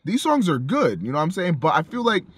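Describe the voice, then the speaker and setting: A man co-hosting a casual music review chat, animated and profane, acting out his own reactions. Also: high-pitched, fast, husky, dry recording. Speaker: co-host of a music review show.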